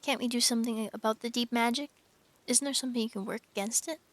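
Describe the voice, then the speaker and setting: Anxious storybook girl, halting and pleading, a woman voicing her. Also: on the high side, fairly even intonation, natural voice. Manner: hesitant, pleading, stumbling. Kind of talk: reading aloud a storybook.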